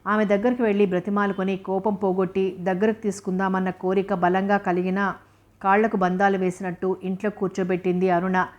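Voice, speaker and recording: A woman narrating a novel aloud in an even, steady storytelling manner. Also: medium pitch, fairly quick, highs cut off.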